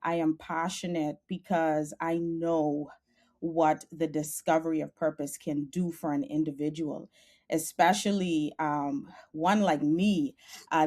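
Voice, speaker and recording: A woman's voice: deep voice, darkish tone. A young adult woman with a Bahamian accent, a podcast guest speaking earnestly and passionately about her journey, over a video call. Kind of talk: podcast interview.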